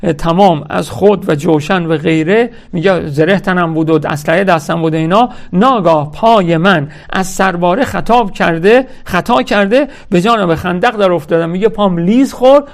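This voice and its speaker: A man's voice: high-pitched, hardly any pauses. A man giving a religious lecture. He reads lines from a historical text, then explains them in everyday speech and tells his listeners what to note. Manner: addresses listeners directly, stressing key words.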